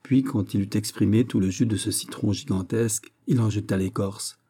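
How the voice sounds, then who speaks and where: A man narrating a classic novel as an audiobook, in a measured and steady way. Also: fairly low pitch, husky.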